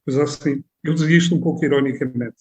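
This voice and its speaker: As a guest on a radio program, the president of a regional tourism board speaks at length in the studio with an Alentejo accent, being from that part of Portugal. His voice is slightly high, slightly mellow, and steady, and he talks fast, often restarting and asking rhetorical questions.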